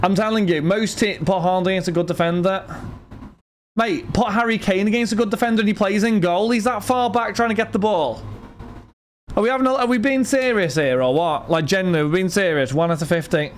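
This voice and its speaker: A man's voice: sits high, fairly quick, a little hiss or hum. Argumentative man streaming live. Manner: argumentative, incredulous, repeats himself. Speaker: card break streamer. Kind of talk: casual live-stream chat.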